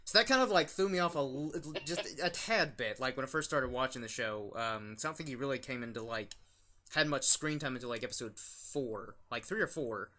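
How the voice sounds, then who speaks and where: A man's voice: medium pitch, brisk, pushed and bright. A young man hosting a casual review chat, rambling with lots of fillers and restarts. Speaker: YouTube channel host.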